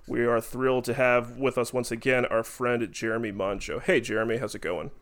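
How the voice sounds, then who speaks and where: A man's voice: medium pitch, steady tone, a little fast, a bit bright. Fluent man hosting a podcast. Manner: fluent, welcoming, steering the talk. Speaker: podcast host. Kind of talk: casual chat.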